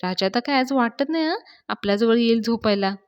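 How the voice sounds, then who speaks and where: A woman's voice: fairly high pitch, lively intonation, brisk, clear, resonant tone, lo-fi sound, lightly acted. A woman voicing a mischievous young man who whispers sly asides and schemes.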